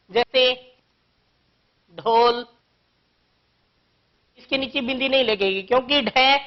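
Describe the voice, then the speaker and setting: A woman with a high voice teaches young children a grammar lesson, explaining slowly and patiently through one example after another. The sound is lo-fi.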